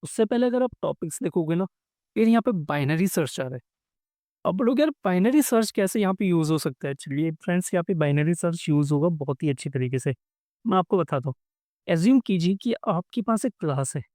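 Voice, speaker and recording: Guy explaining code to his friends, chatty, warm mellow voice, dry close mic. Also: fairly high pitch, animated, brisk, no room sound. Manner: chatty, addresses viewers as friends, acts out little dialogues. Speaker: coding tutorial instructor. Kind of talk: casual explanatory lesson.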